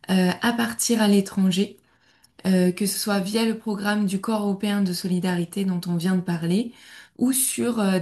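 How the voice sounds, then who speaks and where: A woman with a soft-edged, mellow voice and medium pitch presents as a programme coordinator. Her delivery is informal and explanatory, like a work presentation to newcomers.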